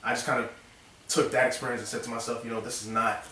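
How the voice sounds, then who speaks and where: A man who owns a design studio rambles casually as an interview guest, relaxed and full of fillers. His mid-range voice moves fast, and the distant mic picks up an echoey room with faint noise.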